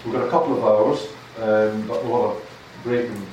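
The audio is dull and echoey: a distant handheld mic in a large lecture hall, with faint noise. An older Scottish man guest-lectures in a chatty, self-deprecating way, often repeating words. His fairly low voice holds a steady tone at a brisk pace.

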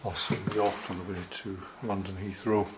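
A man's voice: low voice, flat delivery, moderate pace, noisy background. A man talking casually about his journey as a travel vlogger. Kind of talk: casual travel vlog talk.

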